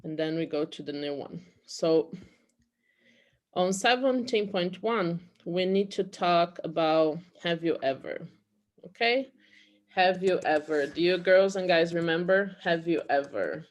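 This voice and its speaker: A woman's voice: lowish voice, slow pace. A woman from Brazil teaching an English class in Portuguese, explaining patiently and often checking in with "okay?".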